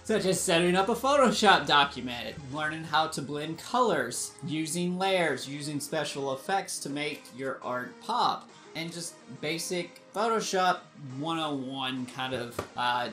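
A man teaching a beginner's digital painting lesson in a casual, rambling way, joking at his own expense and often stumbling over his words. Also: fairly high pitch. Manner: self-deprecating, distracted, stammers and restarts; yells at noises in outbursts. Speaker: online art teacher.

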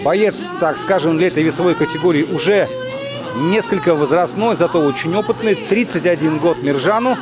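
A man giving live boxing commentary in measured, short phrases with pauses. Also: fairly high pitch, music in the background, a crowd in the background.

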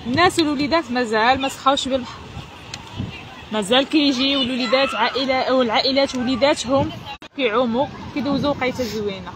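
An energetic, chatty woman with a Moroccan Arabic accent gives unscripted live commentary as a field reporter, often repeating herself. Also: high-pitched, fast. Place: outdoors at a seaside beach. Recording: noisy outdoor beach with crowd sounds.

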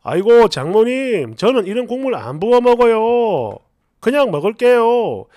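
A woman's voice: a little high, sing-song, unhurried, dark tone, no echo, studio quality. A woman voicing an irritable man in his late thirties, a son-in-law who complains bluntly about being pushed to eat what he dislikes. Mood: reluctant.

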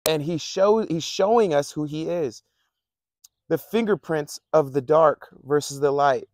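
A man's voice: on the high side, dry recording, clean studio sound. A man preaching a casual, conversational sermon, often repeating himself and chuckling between points. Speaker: pastor.

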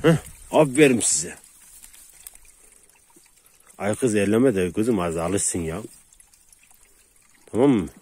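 Out in the rural countryside, a dog owner vlogger chats casually with viewers while repeatedly calling, coaxing, and praising his dogs. His voice is on the low side and a little mellow, with lively intonation, a slow pace and frequent pauses, plus some hiss or hum.

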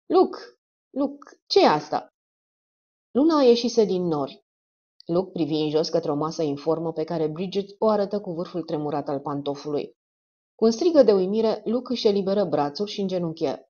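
A woman narrating an audiobook in a measured storytelling manner. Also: fairly low pitch, lively intonation, dark tone, dull audio. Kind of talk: scripted narration.

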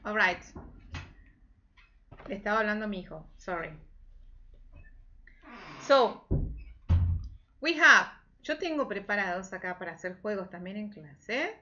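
A woman English teacher giving a slow, patient children's lesson from home, drilling phrases over and over and mixing English and Spanish. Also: mid-range voice, expressive, bright, forceful tone, dull audio.

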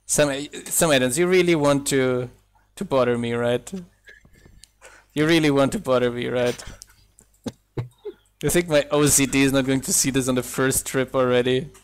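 A young man whose first language is German streams a building game he mods, talking casually and reasoning out loud with a slight German accent. His voice is smooth and medium-pitched, steady in tone, at a moderate pace.

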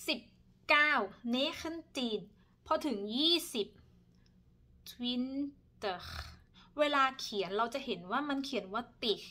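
Woman teacher, thirties, patient pronunciation drill with a slightly high voice. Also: animated. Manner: slow, repeats each word several times; polite, ends phrases with soft particles. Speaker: language teacher. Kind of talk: pronunciation lesson.

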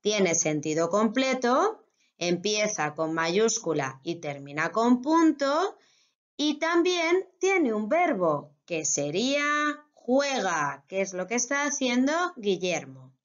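Patient Spanish teacher explaining to kids. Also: female voice, medium pitch, fairly bright tone, muffled recording. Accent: Spain Spanish. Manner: patient, explains step by step to children. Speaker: primary school teacher. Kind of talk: recorded online grammar lesson.

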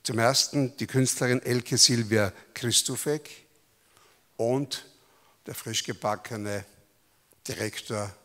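A man's voice: medium pitch, slow pace, long pauses, fairly bright tone. A man giving a formal welcome speech as host, holding a handheld mic in a large hall. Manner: formal, announcing. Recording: reverberant hall.

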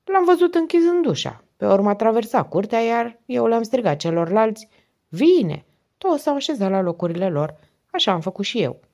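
Earnest shy schoolboy, played by a woman reading aloud: raised pitch, careful and polite. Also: big pitch swings, darkish tone.

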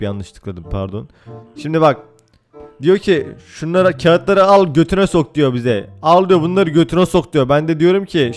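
A young man giving casual, excitable gameplay commentary, swearing and laughing often. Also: a little high. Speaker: gaming YouTuber.

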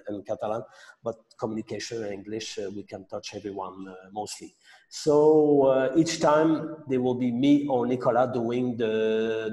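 A man from Montreal, a native French speaker with a Quebec French accent, hosting an online masterclass and speaking haltingly with many fillers and restarts. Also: mid-range voice, warm tone. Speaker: sake masterclass host. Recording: roomy echo with long reverb.

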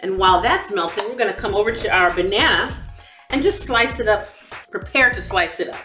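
A woman's voice: medium pitch, fairly quick. A woman in her forties hosting a cooking demonstration in a home kitchen, chatty and encouraging, laughing between steps. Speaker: cooking show host. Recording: echoey kitchen with soft background music.

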